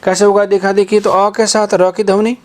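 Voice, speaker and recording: A man's voice: high voice, little pitch movement, fairly quick, a little hiss or hum. A male teacher giving an exam-prep phonetics lesson, asking repeated rhetorical questions and drawing out example vowels.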